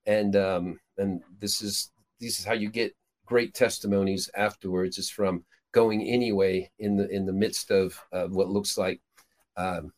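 This low-sitting voice belongs to a middle-aged prophetic minister raised in Peru, who hosts a casual show and talks about his ministry trip. He takes his time, with fairly even intonation, wandering through many restarts and fillers.

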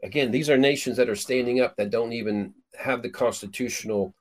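Speaking a little fast at a medium pitch, this show host chats casually about a ministry trip, rambling through plenty of fillers and restarts. He is a middle-aged prophetic minister who grew up in Peru.

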